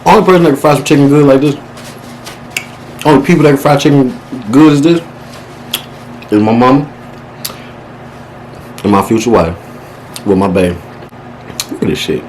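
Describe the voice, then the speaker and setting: A man's voice: medium pitch, normal speed, pauses often, a little mellow, slight background noise, low-quality recording. A man hosting a casual eating show, talking with his mouth busy in a playful, exaggerated, slangy and profane way. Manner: talks while eating. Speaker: vlogger hosting a mukbang.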